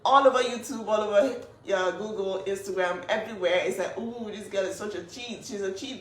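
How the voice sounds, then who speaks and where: A woman's voice: medium pitch, slight background noise. A woman speaking up for her younger sister in a casual vlog, emphatic and indignant, with restarts. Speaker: older sister speaking up for family. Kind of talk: casual to-camera vlog talk. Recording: echoey room, voice from a distance.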